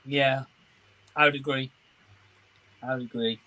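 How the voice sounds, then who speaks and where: This livestream host speaks at a medium pitch, unhurried and steady, with a sharp edge to his tone. He chats informally and good-naturedly, wandering a little while reading viewers' comments aloud over poor audio.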